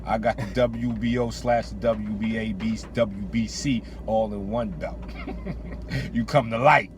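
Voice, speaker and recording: Unhurried and fairly even in intonation, a man with a fairly low voice hosts boxing commentary from in or beside a vehicle. He's casual, slangy and opinionated, repeating phrases for emphasis.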